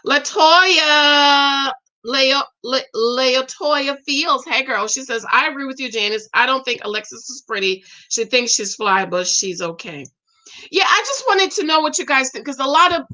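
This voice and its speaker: Reading comments aloud and reacting with attitude, a chatty forties-aged woman reviews a show live on stream. Her voice is pitched high, with a bright, forward quality.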